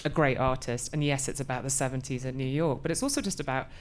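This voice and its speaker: A woman's voice: extremely low pitch, quick pace, a little hiss or hum. A woman in her forties being interviewed about her acting work, thoughtful and often restarting as she searches for words. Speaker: actor, interview guest. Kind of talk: conversational interview.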